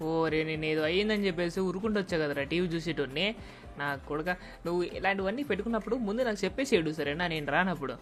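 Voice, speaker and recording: A woman voicing an exasperated young man who scolds and shouts at a kid, in a game dub. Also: on the low side, rapid-fire, soft background music, lightly acted. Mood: scolding. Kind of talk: game dub role-play.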